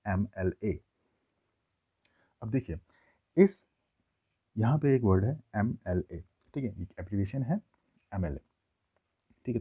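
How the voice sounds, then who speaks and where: Gravelly-voiced man teaching a lesson. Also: on the low side. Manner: explains slowly, checks in with listeners often. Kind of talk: classroom grammar lesson. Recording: tinny phone-like audio.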